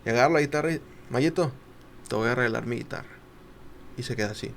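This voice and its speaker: A young man tells a personal story on a podcast, at a middle pitch. He acts out the voices of the people he quotes and falls quiet at the tender parts. Faint background noise runs beneath the talk. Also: fast talker, vocal fry. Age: young adult. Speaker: podcast guest. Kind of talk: casual storytelling.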